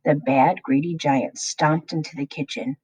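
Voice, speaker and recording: Slow, breathy woman reading a storybook. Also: sits low, no echo, poor audio. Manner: slow, expressive, plays along with listeners. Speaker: children's storyteller. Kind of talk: reading a picture book aloud to children.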